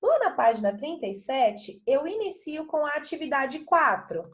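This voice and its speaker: A woman's voice: sits high, sing-song, normal speed. Patient chatty woman teacher. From Brazil. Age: middle-aged. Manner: patient, chatty, checks in often with pupils. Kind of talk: video lesson explaining workbook exercises.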